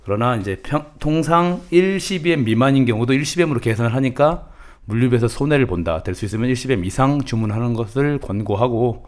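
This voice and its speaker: A middle-aged man with a lilt talks viewers through import costs in a relaxed, homespun way. His voice sits at a middle pitch and he speaks in casual, familiar speech. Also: fast. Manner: folksy, calls himself grandma, banmal to viewers. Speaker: channel host teaching importing. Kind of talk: casual instructional talk.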